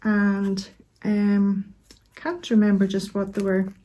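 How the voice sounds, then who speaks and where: A woman in middle age speaks with a Northern Irish accent in a soft-toned, mellow voice. She chats casually to her viewers in a gentle, unhurried way, pausing as she finds her words. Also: mid-range voice, completely flat delivery. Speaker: knitting vlog host. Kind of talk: casual chat to camera.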